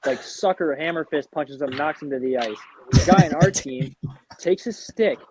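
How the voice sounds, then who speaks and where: A man's voice: fairly high pitch, normal speed, noisy background. A man talking casually about hockey, rambling with many fillers. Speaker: hockey player guest. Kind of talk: casual chat.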